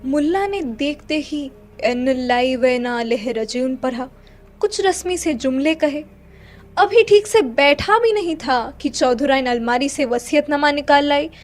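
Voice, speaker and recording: A high-voiced woman reads literary fiction as a dramatic storyteller, taking her time. Faint music sits behind her reading.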